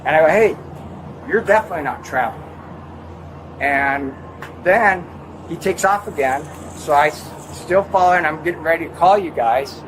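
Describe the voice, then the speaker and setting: A man working at an airport recounts an incident to police in a halting, rambling way, acting out what was said, recorded on a body camera. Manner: halting, rambling, acts out his own quoted words. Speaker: airport airline worker giving a witness account. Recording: noisy body camera audio, vehicle rumble.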